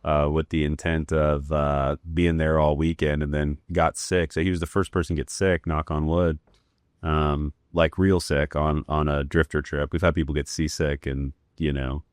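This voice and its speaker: A man with an extremely low voice hosts a relaxed round-table conversation. He rambles and circles back, leaning on filler words. The sound is dry and close. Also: normal speed, clean tone, dry recording. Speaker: podcast host. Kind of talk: casual round-table chat. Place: fishing lodge.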